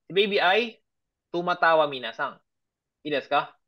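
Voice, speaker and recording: A man's voice: a little high, expressive, measured pace. A man teaching an online grammar lesson. He explains patiently, keeps checking that his students understand, and mixes English and example sentences into his talk. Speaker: Japanese language teacher. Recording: dull lo-fi audio.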